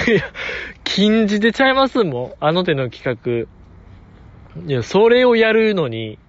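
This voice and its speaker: A man's voice: high voice, sing-song, unhurried, dull audio. A man with a Kansai accent hosting a casual solo podcast, playfully teasing his listeners and laughing often. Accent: Kansai Japanese. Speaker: podcast host.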